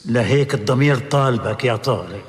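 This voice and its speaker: A man's voice: mid-range voice, a little fast, big-room sound. A man playing an earnest court prosecutor who narrates the case, declaiming formally in an old radio drama broadcast. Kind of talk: 1970s radio acting.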